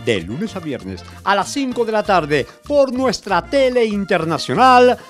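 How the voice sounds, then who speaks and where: A man in his sixties with a Colombian accent calling out drawn-out, declamatory advertising patter like a town crier selling in the street. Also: high voice, very animated, faint music behind. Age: 60s.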